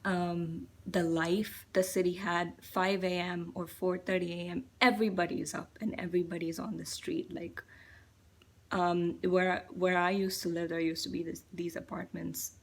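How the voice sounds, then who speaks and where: A young woman from India shares her thoughts in a loose, reflective vlog monologue. Her voice sits low with a gravelly fry and stays flat in pitch. She talks hesitantly, leaning on plenty of fillers. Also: a little slow. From Chennai, India. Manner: musing, hesitant, full of fillers. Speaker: vlogger.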